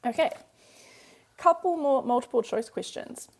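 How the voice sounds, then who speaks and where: Her voice is high-pitched and gravelly, and she keeps a measured pace. A native English speaker, she teaches from a workbook, calmly stepping through examples one at a time and repeating the important points.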